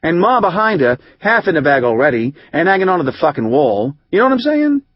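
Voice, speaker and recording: Man reading an audiobook doing a foul-mouthed angry guy, rambly slangy rant, kinda high voice, dull lo-fi sound. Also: sing-song, a little fast, dry recording. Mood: aggrieved. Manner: rambling, profane, street slang. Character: rough profane man, bitter, hot-tempered, recovering drinker. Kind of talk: audiobook narration.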